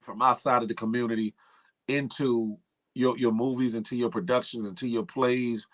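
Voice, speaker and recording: A man's voice: medium pitch, steady tone, normal speed. A man hosting a casual chat, speaking informally and often repeating his phrases. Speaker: show host.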